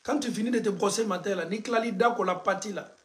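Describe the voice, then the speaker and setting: A man, an imam teaching the call to prayer and drilling its pronunciation through slow repetition. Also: sits high, fairly bright tone. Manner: switches between French and Bambara, drills pronunciation by slow repetition. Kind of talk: religious lesson.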